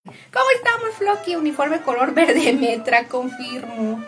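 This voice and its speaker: A young woman talks casually to her live-stream audience. Her voice sits high, and her tone is upbeat as she greets people by name. Music plays clearly behind her. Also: sing-song, measured pace, a bit bright. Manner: chatty, upbeat, greets and thanks viewers by name. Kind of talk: casual live-stream chat reading viewer messages.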